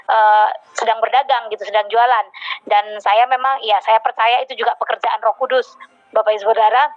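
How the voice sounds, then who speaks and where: Lady sharing her church testimony, kinda high voice, lots of uh's, muffled lo-fi audio. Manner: heartfelt storytelling, frequent hesitant fillers. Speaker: church member giving testimony. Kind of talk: personal testimony to a congregation. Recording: dull lo-fi recording.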